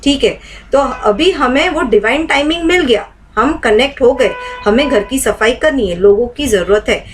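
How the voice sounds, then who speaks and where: A woman's voice: high voice, lively intonation, moderate pace, a little hiss or hum, rough recording. A woman teaching a live online meditation class. She keeps asking the class questions to walk them through her points. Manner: asks the class many rhetorical questions.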